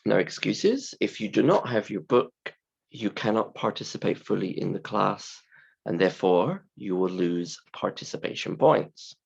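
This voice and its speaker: A man teaching a class in simple, deliberate, emphatic phrases, his voice hoarse, croaky and creaky from a sore throat. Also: fairly low pitch, lively intonation, highs cut off. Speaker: university English teacher. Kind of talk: scripted-slide lesson explanation.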